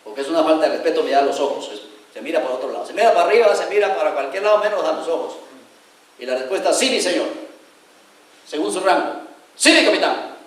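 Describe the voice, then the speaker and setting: A man's voice: fairly high pitch, expressive, rapid-fire, very echoey, distant mic, poor audio. A man preaching a sermon as pastor, telling stories animatedly, acting out voices and putting direct questions to the congregation.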